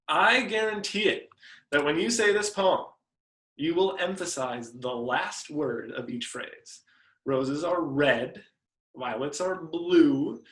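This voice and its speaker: A man's voice: fairly high pitch, a bit bright, roomy sound, low-quality recording. A man teaching piano in a friendly, explanatory way, sometimes humming melodies to show phrasing. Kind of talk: instructional video lesson.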